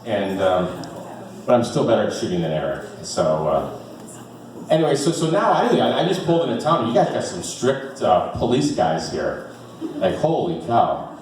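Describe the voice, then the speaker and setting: A man's voice: fairly low pitch, very animated, moderate pace, a little mellow, a little hiss or hum. A man in his fifties doing a rambling, self-deprecating stand-up set, full of fillers, in front of a small live audience. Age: 50s. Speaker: stand-up comedian. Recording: echoey room from far off.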